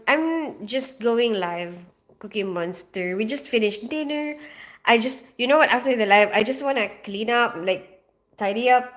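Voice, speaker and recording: A middle-aged woman from the Philippines hosting a casual livestream, reading viewer comments aloud and chatting with a quick laugh. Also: on the high side, fairly bright tone. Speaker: livestream host.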